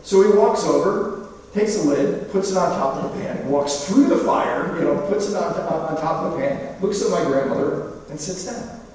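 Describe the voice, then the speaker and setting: A man giving a sermon in a conversational, storytelling way, with animated asides. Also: fairly high pitch, normal speed, slight background noise. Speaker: preacher. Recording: echoey hall from far off.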